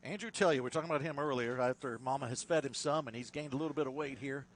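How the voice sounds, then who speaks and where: A man's voice: mid-range voice, rapid-fire. Male baseball play-by-play caller, upbeat, chatty banter, faint outdoor hum behind. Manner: lively, rises sharply on big plays; chatty, laughs with his partner. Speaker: play-by-play announcer. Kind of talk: baseball commentary.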